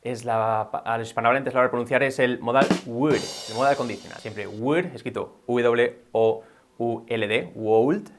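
A man's voice: medium pitch, fairly even intonation, music in the background. Male English teacher, patient drill-style video lesson. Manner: drills words by repeating them slowly.

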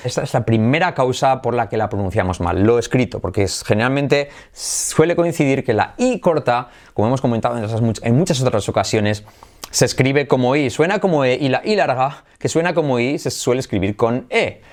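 A man with a Spain Spanish accent teaching English pronunciation in an energetic video lesson, often switching into English to model how words sound. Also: mid-range voice, brisk.

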